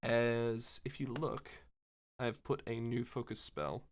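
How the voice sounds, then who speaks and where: A man narrating as game master of a tabletop game, describing the action with many pauses and fillers. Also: medium pitch, steady tone.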